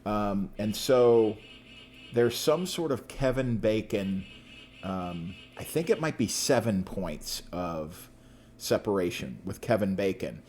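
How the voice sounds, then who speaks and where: A man co-hosts a casual podcast chat, rambling along with plenty of fillers and restarts. His voice is on the low side and a little mellow.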